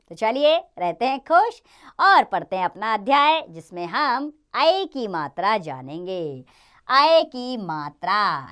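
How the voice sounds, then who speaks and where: A woman reads a children's lesson aloud and talks to the young learners directly. Her pace is unhurried and she enunciates every word. The pitch rises and falls a great deal, and her tone stays smooth and clear. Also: a bit bright. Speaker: teacher.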